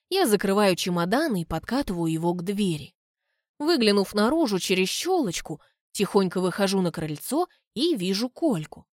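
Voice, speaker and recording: A woman reads a first-person audiobook with expression. Her pitch moves a lot, and her voice sits at an ordinary middle height. The recording is dry and close. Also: no room sound. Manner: expressive, lively reading. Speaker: audiobook narrator.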